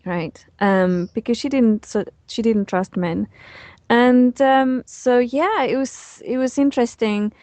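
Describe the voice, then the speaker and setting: A woman's voice: on the high side, takes it slowly, darkish tone, no room sound. A woman in her forties from Chile, telling stories in a casual interview, with hesitant, restarting phrasing and easy laughter. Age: 40s. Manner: hesitant, many fillers and restarts, laughs easily. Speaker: interview guest. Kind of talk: casual conversational storytelling.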